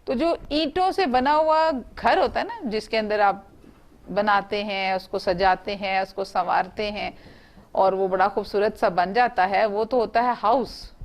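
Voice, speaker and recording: Speaking in a mid-range voice, a woman teaches young learners online, asking the class questions and spelling words one letter at a time.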